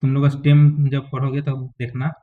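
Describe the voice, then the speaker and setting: A man gives a classroom biology lecture in a medium-pitched, completely flat voice at a moderate pace. He walks through diagrams step by step, often checking that students follow with "ठीक है" and "समझ में आ गया?". The recording is tinny and lo-fi, like a phone.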